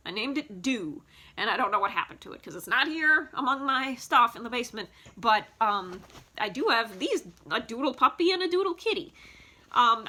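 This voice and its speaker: Bright, chatty woman in her thirties. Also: fairly high pitch. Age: 30s. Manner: rambling, chatty, many fillers and restarts. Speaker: vlogger. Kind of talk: casual nostalgic show-and-tell. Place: home basement. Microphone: phone.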